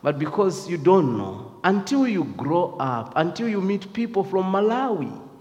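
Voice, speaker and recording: A man's voice: sits high, very animated, a little slow, a little mellow, big-room sound, muffled recording. A man with a Zambian accent giving a reflective devotional talk, hesitant and full of fillers. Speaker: speaker.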